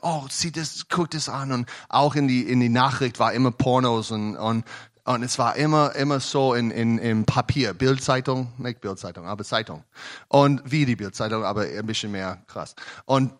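A young man delivers a German-language sermon in a mid-range voice at a moderate pace, often restarting his sentences and sometimes building to emphatic shouts.

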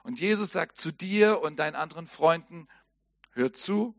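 A man with a fairly high voice preaches a sermon, telling the story vividly and acting out the lines he quotes. At solemn moments he sinks into a soft, low tone. The sound is dry and close, with no room echo. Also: lively intonation, moderate pace, gravelly.

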